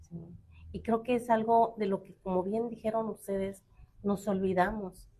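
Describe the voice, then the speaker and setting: A woman's voice: mid-range voice, fairly even intonation, normal speed, dark tone. A middle-aged woman on a talk show panel, telling a family story and acting out the quoted dialogue. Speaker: panel guest.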